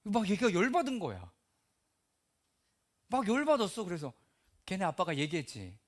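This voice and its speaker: A middle-aged male pastor delivers a sermon in a church, his voice pitched high and swinging widely in tone. He acts out the voices he quotes and at times sinks to a near-whisper for emphasis. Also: huge pitch swings, moderate pace. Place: church hall.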